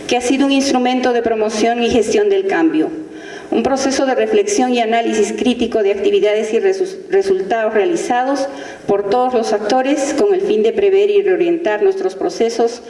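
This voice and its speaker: Woman reading a speech in a hall. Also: mid-range voice. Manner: steady, reading a prepared text. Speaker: faculty dean. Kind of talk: formal ceremonial speech. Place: large ceremonial hall. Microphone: podium microphone. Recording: reverberant hall from a distance.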